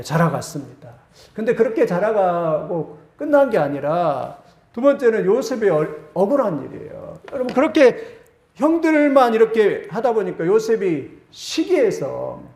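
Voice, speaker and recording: A male pastor preaching a sermon, retelling a story with animated emphasis and repeated phrases. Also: high voice, roomy sound.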